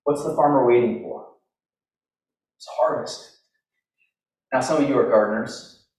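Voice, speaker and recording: A man's voice: medium pitch, measured pace. Man preaching at an echoey pulpit microphone. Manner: relaxed, conversational, with frequent restarts. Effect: speaking into a pulpit microphone. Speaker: pastor. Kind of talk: sermon. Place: large church sanctuary. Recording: very echoey hall from far off, faint noise.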